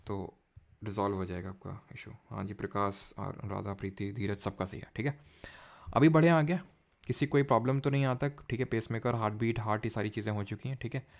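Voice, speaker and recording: A man's voice: lowish voice, steady tone, brisk, creaky. Man teaching a live online class. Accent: Indian English terms mixed into Hindi. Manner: explains step by step, asks quiz questions, says "ठीक है" often. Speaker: online tutor.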